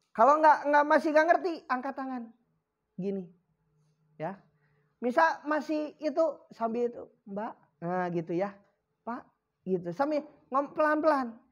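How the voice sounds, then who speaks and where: A woman's voice: on the high side, muffled recording. A woman teaching an Islamic lesson to children, acting out greetings and often checking that they understand. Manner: acts out greetings and examples, asks "paham ya?" often.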